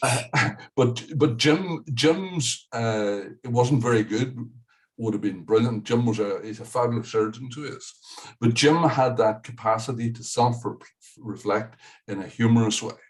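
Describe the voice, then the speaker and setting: A man's voice: fairly low pitch, far from the mic, low-quality recording. A man on a conference panel telling anecdotes with dry humor and many restarts. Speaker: conference speaker. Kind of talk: storytelling in a panel discussion.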